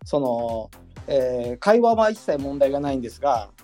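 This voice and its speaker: A man's voice: mid-range voice, sing-song, normal speed, over loud music. A male host asking polite, hesitant questions with many fillers in a casual online audio chat. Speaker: podcast host.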